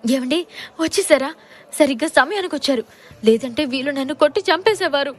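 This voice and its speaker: A woman's voice: high voice, a little fast, natural voice. A woman narrator voicing a spoiled, scheming gangster's wife who complains in a whiny, fake-tearful way.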